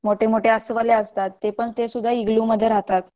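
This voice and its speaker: A woman's voice: on the high side, little pitch movement, fast talker, warm tone. A woman teacher explaining a story to her class in an online lesson, often asking the students questions. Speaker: English teacher.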